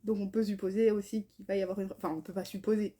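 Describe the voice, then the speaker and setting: Chatty woman with a dark, husky voice. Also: mid-range voice, level tone, fast talker. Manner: chatty, reads blurbs aloud with stumbles over names. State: tired. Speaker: book vlogger. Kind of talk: casual chat.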